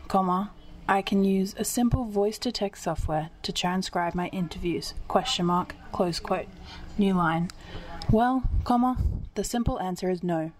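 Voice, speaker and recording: A woman's voice: medium pitch, low-quality recording. A woman reading an article aloud as dictation, carefully speaking each punctuation mark and line break. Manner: speaks punctuation marks aloud, even and deliberate.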